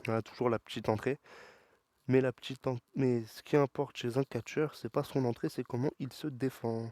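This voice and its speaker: A man commentating his wrestling video game, excitable and talking back to the characters on screen. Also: medium pitch, moderate pace, dry recording. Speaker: gaming YouTuber. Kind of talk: let's play commentary.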